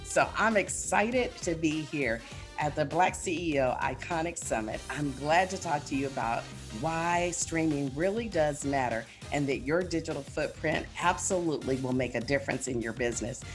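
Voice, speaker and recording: Delivering a motivational business keynote, a woman speaks with polished corporate enthusiasm, emphatic and directly addressing her listeners. Her voice is low and expressive at a moderate pace, with faint music in the background.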